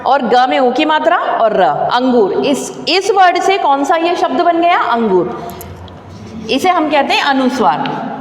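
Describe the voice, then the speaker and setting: High-voiced woman teacher, echoey room. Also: very animated, a little slow. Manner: patient, explains step by step and quizzes the pupils. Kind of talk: online classroom lesson. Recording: echoey room with faint background hiss.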